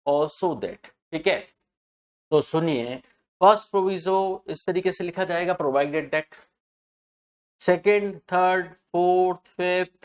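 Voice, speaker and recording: Man lecturing on tax, repeating key points. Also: high-pitched. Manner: asks rhetorical questions and answers them, repeats key terms. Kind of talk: classroom lecture.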